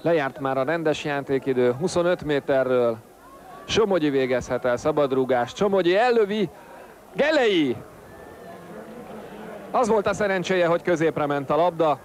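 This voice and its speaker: A man giving excited sports commentary as a football commentator, exclaiming at the action. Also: a little high. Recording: noisy stadium broadcast with crowd. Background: football crowd.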